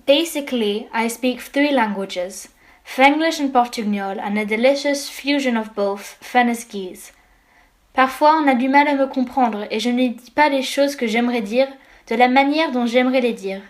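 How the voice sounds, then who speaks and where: A woman's voice: on the high side, measured pace. A woman delivering a reflective scripted monologue, switching between languages.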